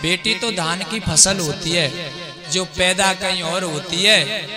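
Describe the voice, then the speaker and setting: A man's voice: high voice, slow pace. A male preacher telling a devotional story with sung verses, emotional and addressing listeners as brother. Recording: devotional music behind voice.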